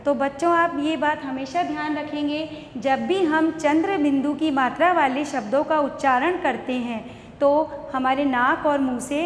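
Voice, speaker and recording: A woman with an Indian accent teaching young children an online lesson, spelling words slowly syllable by syllable. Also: high-pitched, a little hiss or hum. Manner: slow, syllable-by-syllable spelling aloud. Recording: echoey room with long reverb.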